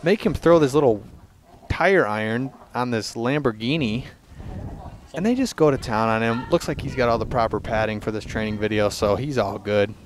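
A man's voice: mid-range voice, normal speed, a little hiss or hum. A man giving casual, joking voiceover commentary on a video compilation, often breaking off and restarting his sentences. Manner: casual, joking, self-interrupting. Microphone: voice-over.

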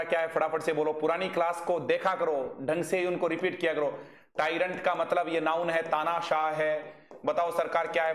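An English vocabulary teacher with an Indian accent leads a live online class. His voice sits a little high and stays narrow in pitch. He keeps drilling students with quick questions, and the room gives his voice an echo. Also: a bit bright.

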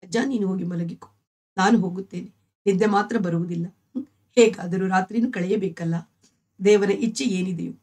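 A woman voicing a gentle, devout young wife and mother who pleads in sorrow. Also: medium pitch, a little fast, long pauses, lightly acted. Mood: weary, tearful.

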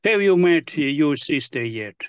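A man's voice: fairly high pitch, lively intonation, measured pace, clear, resonant tone, no echo, muffled recording. A man adult learner reading English sentences hesitantly and correcting himself. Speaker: adult student.

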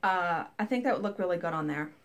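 This woman, in her thirties, rattles quickly through a cross-stitch haul in a fairly low voice with lively intonation. She's filming on a webcam in her small home craft room, chatty and eager, with plenty of meandering asides in the casual show-and-tell.

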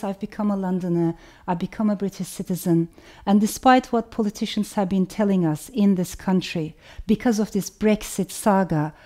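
Speaking with a Turkish accent, this middle-aged novelist hosts her own channel and offers a reflective personal talk about her origins, including a read passage. Her voice sits at medium pitch with a mellow quality, and her delivery is measured and thoughtful, stringing items together in long chains.

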